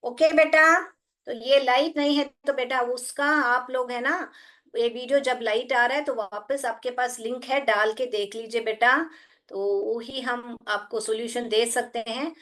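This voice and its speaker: A woman's voice: fairly high pitch, steady tone, unhurried, a bit bright. A woman teaching an English grammar lesson to schoolchildren, patiently repeating questions and calling them "beta". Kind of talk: online class lesson.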